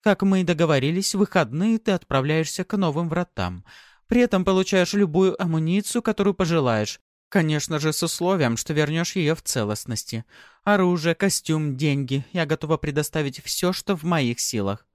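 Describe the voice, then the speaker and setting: A man's voice: a little high, expressive, moderate pace, dry recording, studio quality, voice pushed up, close to an everyday voice. A man voicing an imperious teasing noblewoman. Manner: commanding, mock-sweet. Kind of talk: audiobook character voice.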